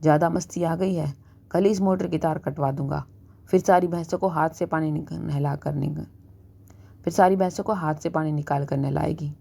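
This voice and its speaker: A woman voicing an angry middle-aged husband who shouts and taunts, in a storybook reading. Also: sits low, steady tone, moderate pace, vocal fry, slightly rough, full character voice. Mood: taunting. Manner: shouting, sarcastic.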